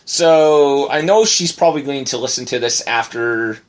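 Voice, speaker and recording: A man co-hosting a laid-back podcast, his voice sitting at an ordinary middle pitch. He rambles, restarts and fills gaps with "uh" and "I mean" as he runs through the news. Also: normal speed. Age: adult, married. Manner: rambling, many fillers and restarts. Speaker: podcast co-host. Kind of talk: casual podcast chat.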